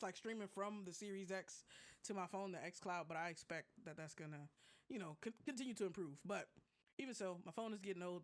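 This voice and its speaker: A mid-pitched podcast co-host chats casually about tech and gaming. The conversation is animated and packed with informal slang, like friends talking over gadgets and games.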